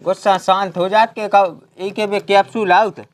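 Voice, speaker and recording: A man's voice: high voice, little pitch movement, a little slow. A man playing a village remedy seller in a comedy sketch, talking in a boastful, rambling way. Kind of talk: rural comedy sketch acting.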